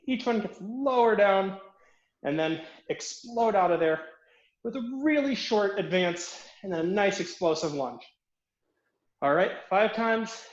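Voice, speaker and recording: A man's voice: sits high, roomy sound, dull audio. Man coaching fencing footwork, breathless. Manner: counts reps aloud while demonstrating drills. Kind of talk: online footwork class instruction.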